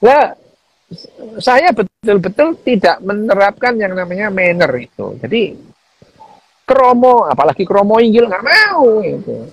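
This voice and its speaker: Animated man, lively pitch. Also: a little slow, creaky, slightly rough, dry recording, dull audio. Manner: animated, mixing Javanese phrases, repeats "gitu". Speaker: neuroscientist guest on a live chat. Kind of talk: casual livestream chat.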